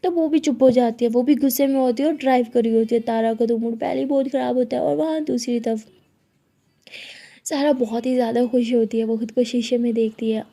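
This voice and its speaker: High-voiced woman telling a story. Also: fairly even intonation, fairly quick, mellow. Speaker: narrator. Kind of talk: storytelling narration.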